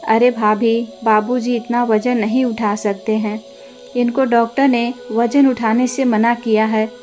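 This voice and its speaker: A woman voicing a meek young student who pleads gently with her family, with faint music behind. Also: a little high, little pitch movement, unhurried, lightly acted. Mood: pleading.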